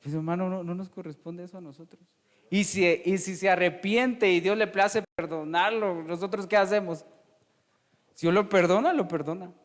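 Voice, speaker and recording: A man with a Guatemalan Spanish accent preaching a sermon, calling his listeners "hermano" and moving between loud emphasis and hushed asides. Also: high-pitched, fairly even intonation, moderate pace, long reverb tail.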